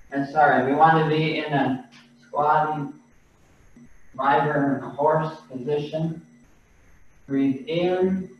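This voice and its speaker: Man giving slow qigong breathing cues. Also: fairly high pitch, slight background noise. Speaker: qigong instructor. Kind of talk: guided exercise class. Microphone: video call. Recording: echoey distant video-call audio, dull and lo-fi.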